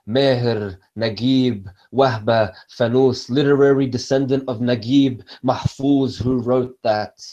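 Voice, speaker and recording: A man's voice: mid-range voice, warm tone. A young man from Egypt performing spoken word poetry on a video call from a small room at home, with a rhythmic, rhyming delivery. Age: young adult. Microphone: laptop webcam on video call. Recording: dull lo-fi video call audio.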